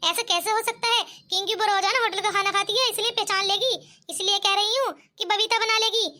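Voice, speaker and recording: Bossy, boastful cartoon mother-in-law, voiced by a woman; very high and bright. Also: steady tone, fairly quick. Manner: commanding, boastful. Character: bossy proud middle-aged mother-in-law. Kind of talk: cartoon voice acting.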